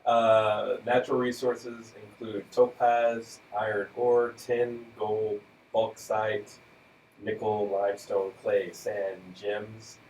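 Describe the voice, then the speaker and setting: A man's voice: lowish voice, takes it slowly, echoey room, recorded from a distance, a little hiss or hum, rough recording. A man co-hosting a radio talk show, casually presenting facts with fillers and light chuckles. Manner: relaxed, fact-reciting with fillers and light chuckles.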